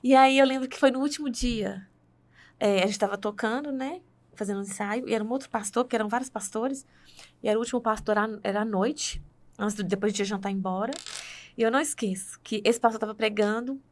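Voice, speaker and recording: A woman with a Brazilian Portuguese accent shares her faith testimony in conversation, speaking earnestly and using lots of tag questions. Her voice is on the high side and her delivery is brisk.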